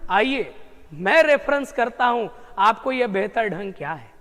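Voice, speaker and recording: Male grammar tutor with a very high voice, chatty and repetitive, treats students like close friends, long reverb on the recording. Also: lively intonation, measured pace, a bit bright. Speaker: English grammar teacher. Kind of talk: exam-prep grammar lesson.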